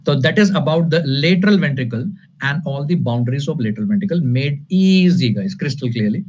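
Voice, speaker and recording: Speaking fairly quickly with lively intonation, a man with an Indian accent lectures on anatomy to an online exam-prep class. His medium-pitched voice is a little mellow, and he stresses and repeats points while switching between English and Hindi and calling students "sir" and "guys." Sound quality is dull and lo-fi, with light noise.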